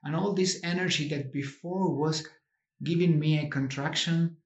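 A native Spanish speaker from Argentina gives an informal, personal conference talk in halting, simple English with an Argentine Spanish accent. His voice is a little high with a steady tone, recorded in an echoey room with dull audio.

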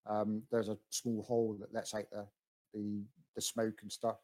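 A man's voice: lowish voice, completely flat delivery, normal speed, a little mellow, low-quality recording. A man narrating as game master of a tabletop game, with frequent ums and restarts. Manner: hesitant, many ums and restarts.

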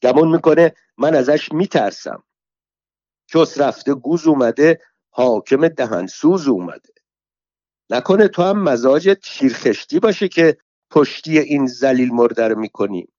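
A man doing a shrill, brawling old woman from a storybook, hurling curses in a raised, strained voice. The recording is dry and dull, with no room sound. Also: dry recording, lightly acted. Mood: scolding. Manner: shouting insults, abusive, theatrical. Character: shrill foul-mouthed quarrelsome old pilgrim woman.

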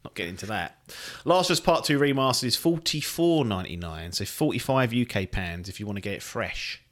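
A man's voice: lowish voice, animated, a little fast, fairly bright tone. Chatty man, swearing freely. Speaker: podcast host. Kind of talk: casual chat.

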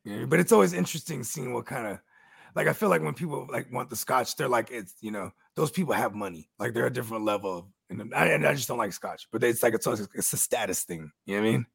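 Rambling co-host, thirties man, husky and gravelly, quick chatter. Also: mid-range voice, expressive, a bit bright, no room sound, clean studio sound. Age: 30s. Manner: rambling storyteller, fillers like "you know what I mean". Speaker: podcast co-host. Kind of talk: casual chat.

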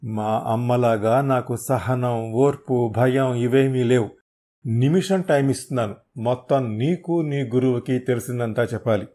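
A cold, merciless young man , as a male narrator voices him, spitting out clipped threats in a low, warm-toned voice. He sounds like the hard-edged hero of a storybook thriller. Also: steady tone, moderate pace, close to an everyday voice. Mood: menacing. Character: cold, ruthless young man seeking his father.

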